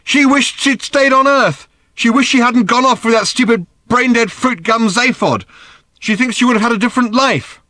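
Guy doing a shrill furious teen girl yelling her head off, high and loud, dry close sound. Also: animated, normal speed, no echo. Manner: shouting, shrill and petulant. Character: furious teenage girl, sulky and volatile.

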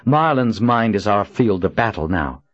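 A man voicing a fierce young queen who challenges her enemy with sharp, pointed questions in a raised voice. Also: fairly low pitch, lively intonation, moderate pace, no room sound, lo-fi sound. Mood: defiant.

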